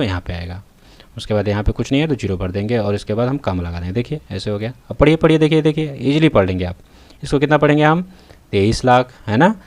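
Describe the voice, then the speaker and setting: A man teaching a math lesson in a touch, writing on a tablet as he talks and often checking that the students follow. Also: mid-range voice. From North India. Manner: repeats "theek hai" and "hai na", checks in with students. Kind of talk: tutorial lesson. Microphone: voice-over recorded while writing on a tablet.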